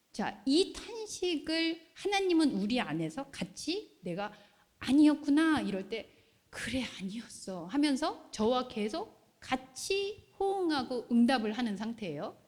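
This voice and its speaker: Animated woman preaching in a reverberant hall. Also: fairly high pitch, a little slow. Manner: animated, asks the congregation questions. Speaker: pastor. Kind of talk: sermon. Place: church hall.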